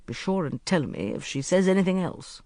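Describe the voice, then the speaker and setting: A narrator voicing a bold young man who takes charge with quick, commanding instructions in an audiobook. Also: mid-range voice, lively intonation, darkish tone, no room sound, lightly acted. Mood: warm. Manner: quick, commanding, grimly light. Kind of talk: audiobook character reading.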